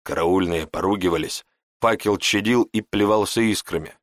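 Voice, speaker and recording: A man narrating a fantasy audiobook in an even storytelling manner. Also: low voice, moderate pace, dry recording, studio quality. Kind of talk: scripted narration.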